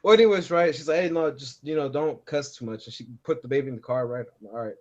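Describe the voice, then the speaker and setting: A man's voice: mid-range voice, fast talker. A man on a casual podcast telling a long story. He swears constantly, laughs at his own tale and acts out both sides of the conversation. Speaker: podcast co-host. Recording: dull lo-fi podcast audio.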